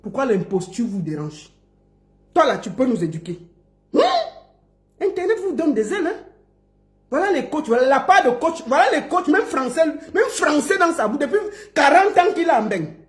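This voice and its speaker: A woman delivers a mocking rant to her online audience, stretching out syllables like a teasing schoolteacher. Her voice sits high and swings widely in pitch. The sound rings in an echoey room. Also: big pitch swings, normal speed. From Cameroon. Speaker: online commentator. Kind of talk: mocking live-stream rant.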